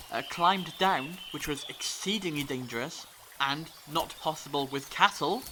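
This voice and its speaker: High-pitched actor as eccentric male alien time traveller, theatrical, curious, dramatic pauses, audio drama, noisy outdoor ambience. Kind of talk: fan audio drama acting.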